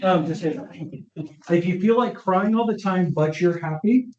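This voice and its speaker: A man's voice: high-pitched, moderate pace. A man giving an informal talk as a neuropsychologist, often stopping to check that his audience is following. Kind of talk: conversational lecture with audience questions. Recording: roomy, dull lo-fi online session audio.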